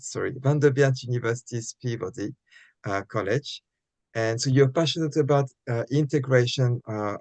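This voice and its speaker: A man's voice: mid-range voice, a little mellow, no room sound. A man hosting a live online interview, welcoming and introducing his guest in a polite, formal way. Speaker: host.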